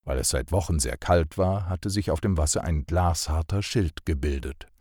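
Deep male narrator, measured audiobook reading, dry close recording. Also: a little mellow, no echo.

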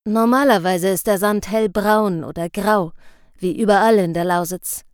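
A woman voicing a gruff, stubborn bearded male professor who grumbles and lectures. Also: medium pitch, normal speed, dry recording, studio quality, natural voice. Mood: lecturing. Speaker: field researcher.

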